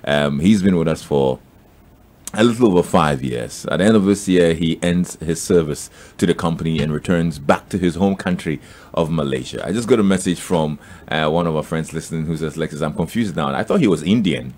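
A man's voice: very deep voice, fairly quick, darkish tone. A man hosting a radio interview, asking questions and reading listener messages at a studio microphone. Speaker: radio host. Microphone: studio microphone on boom.

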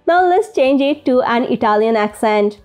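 A woman hosts a step-by-step software tutorial and is openly delighted by the results. Her voice sits high, with faint music playing behind her narration. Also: lively intonation, moderate pace. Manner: enthusiastic, easily amazed. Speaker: tutorial host. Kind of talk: screen-recording tutorial narration.

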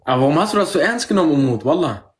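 A man's voice: on the high side, big pitch swings, rapid-fire. A young man, chatting bluntly and casually in heavy street slang on a livestream.

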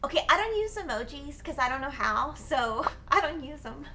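Bright, chatty woman in her forties. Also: sits high, big pitch swings, normal speed, soft background music. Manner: chatty, upbeat. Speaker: host. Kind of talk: casual chat. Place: studio with Christmas tree.

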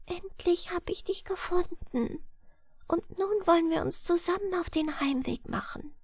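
A woman voicing a sad young maiden who has lost her voice, speaking in a soft breathy whisper in a fairy-tale audiobook. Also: sits high, unhurried, no room sound, clean studio sound, pitched above the performer's own voice. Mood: sad, pleading.

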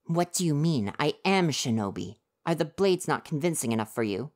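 Using a voice low for her range, a woman performs an ASMR roleplay as a prickly young aspiring ninja with a soft heart. He turns defensive and flustered, but opens up earnestly and gently about what he hopes for, delivered animatedly at a moderate pace.

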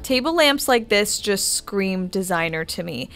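Over soft background music, an interior designer chats upbeat recommendations as she browses a home decor store in a shop-with-me voice-over. Her mid-range voice is a bit bright, unhurried and lively in intonation.

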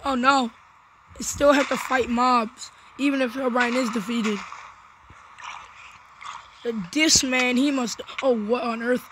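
A woman's voice: fairly high pitch, steady tone, measured pace, pauses often, noisy background. A woman hosting a gaming video, giving let's play commentary and yelping in panic during fights. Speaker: gaming channel host.

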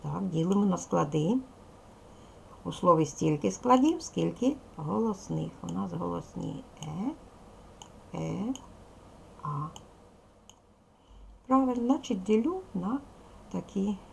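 A primary school teacher records a video lesson for second graders, patiently spelling out sounds and syllables one by one. Her expressive voice is low and darkish with vocal fry, slow and full of pauses, with a little hiss or hum in the background.

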